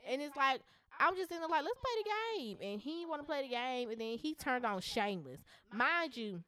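A woman's voice: high voice, lively intonation, moderate pace, pushed and bright. A young woman in her twenties co-hosting a podcast, telling a candid, profane story in casual chat with lots of fillers. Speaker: podcast co-host.

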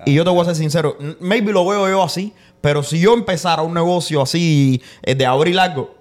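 Quick, lively male host, slightly high voice, code-switching. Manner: excitable, mixes in English slang. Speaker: podcast host. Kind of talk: casual chat.

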